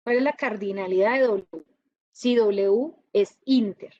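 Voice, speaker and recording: A woman teaching a university class, lively and often checking whether her students follow. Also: mid-range voice, unhurried, highs cut off. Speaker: university lecturer. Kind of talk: classroom lecture.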